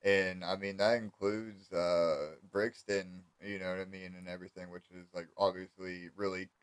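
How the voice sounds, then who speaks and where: An American man hosts a relaxed-format chat in a low voice. His intonation stays even and flat, and he talks in an informal, conversational way as he asks questions and shares stories. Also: moderate pace, clean tone, no echo. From United States. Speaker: interviewer, host. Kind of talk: casual chat.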